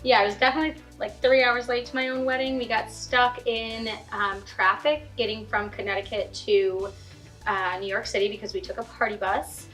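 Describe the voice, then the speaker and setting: A woman co-hosting a casual chat show, playful and quick with jokes. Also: on the high side, fairly even intonation, a bit bright, soft background music. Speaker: podcast co-host.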